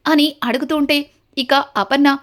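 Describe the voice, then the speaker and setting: High-voiced woman retelling a serial. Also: normal speed. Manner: steady retelling, links events with repeated connectives. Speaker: serial episode recapper. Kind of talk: storytelling recap of a TV serial.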